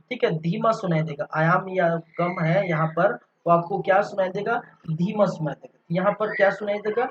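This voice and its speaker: A man gives a physics lecture for an online class. He poses questions, answers them himself, and checks in with his listeners again and again. The recording sounds a little muffled, with a faint background hiss. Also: high voice. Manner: explains by asking and answering his own questions, fills pauses with "theek hai". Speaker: physics teacher. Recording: slightly dull recording with faint background noise.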